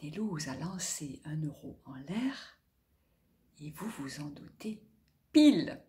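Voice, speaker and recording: Lady reading a fairy-tale style story, slow, expressive, kinda whispery. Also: sits low. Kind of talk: storybook narration.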